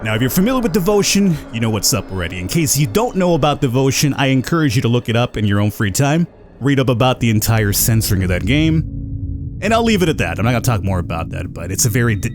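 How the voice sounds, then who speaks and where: A man hosting a gaming video with casual, slangy, laid-back commentary, sometimes reading on-screen text aloud. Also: mid-range voice.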